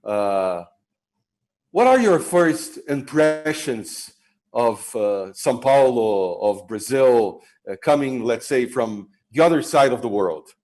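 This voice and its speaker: An older man hosting a TV interview over a video call, asking friendly, measured questions with some fillers. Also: mid-range voice, animated, darkish tone. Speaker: TV host.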